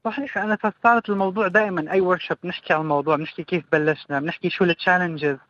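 Fast-talking man, Palestinian-Jordanian Levantine accent. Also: high-pitched, steady tone, a bit bright, dry recording, lo-fi sound. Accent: Palestinian-Jordanian Levantine Arabic. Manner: mixes English words into Arabic. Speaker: interview guest, craft project co-founder. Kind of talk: casual radio interview talk.

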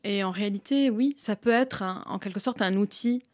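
A woman in her forties, a Lebanese-born author, answering radio interview questions in a halting, emotional way. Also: medium pitch, no room sound, studio quality. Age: 40s. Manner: hesitant, halting, emotional, laughs softly. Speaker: guest author and illustrator.

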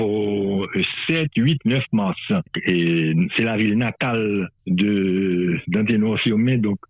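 A man from Haiti with a Haitian accent, a filmmaker speaking as a guest in a radio interview, loose and halting with frequent restarts. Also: on the low side, dry recording. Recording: dry, slightly muffled radio sound.

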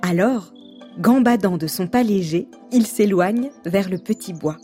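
A woman reads a children's story aloud, gentle and unhurried, with a mellow, warm tone. Soft music runs faintly beneath her narration. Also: mid-range voice.

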